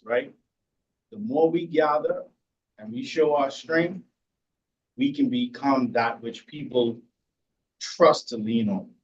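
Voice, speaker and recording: A man speaking earnestly as a guest in a faith discussion, building to fervent emphasis. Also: mid-range voice. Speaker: panel guest. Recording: dull lo-fi sound.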